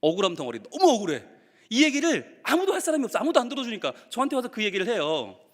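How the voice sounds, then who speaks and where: A man's voice: extremely high pitch, wildly swooping pitch, rapid-fire. A male pastor preaching to teachers, telling stories animatedly and acting out the quotes. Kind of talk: sermon to teachers. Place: church sanctuary. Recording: reverberant church hall.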